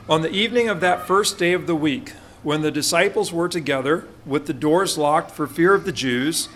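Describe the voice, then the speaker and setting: A man's voice: on the high side, fairly bright tone, a little hiss or hum. A male pastor preaching a sermon at a pulpit microphone in a church, reading scripture and then explaining it with frequent "uh" fillers.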